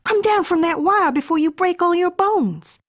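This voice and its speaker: A woman's voice: very high-pitched, lively intonation, normal speed, no room sound, studio quality, voice pushed up. A woman doing a frazzled wailing mother cat. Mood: frantic. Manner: dramatic, sing-song rhyming lines.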